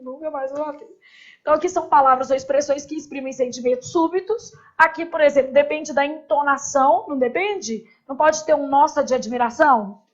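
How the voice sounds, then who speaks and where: A woman's voice: sits high, fairly quick, muffled recording. A woman teaching a grammar class in a casual, chatty way, with joking asides and constant "né?" tags.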